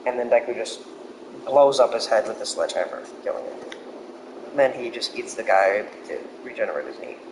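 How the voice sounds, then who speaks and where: A man casually telling a made-up story, rambling and halting with restarts and the odd swear word. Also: lowish voice, background noise.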